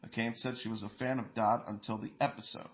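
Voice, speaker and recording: A man's voice: lowish voice, level tone, fairly quick, dull audio. A man hosting an entertainment news show, reading stories and quotes in a plain delivery with small slips and fillers.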